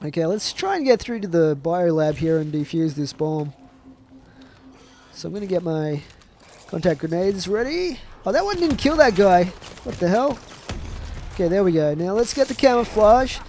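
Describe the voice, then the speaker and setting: A young man whose voice is stuffed up from a chest infection rambles casually over a zombie shooter game as a gaming commentator. His high voice is very animated and a little mellow, moving at a moderate pace, and he chats along, trailing off with fillers. A little hiss or hum is present.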